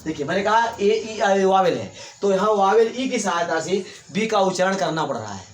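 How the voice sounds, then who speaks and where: A man's voice: high voice, animated, normal speed. A man teaching English grammar to a class, repeating points and quizzing his students. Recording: echoey room, faint hiss.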